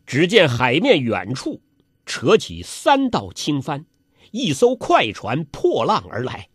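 A man telling a traditional Chinese story, dramatic, moving between loud exclamations and hushed asides. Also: fairly high pitch, huge pitch swings, takes it slowly, slightly rough, no room sound, clean studio sound.

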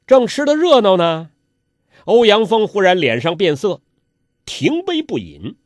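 Male storyteller, traditional style: slow, very animated, dramatic. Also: high voice, no room sound, clean studio sound. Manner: dramatic, swings between loud exclamations and hushed asides.

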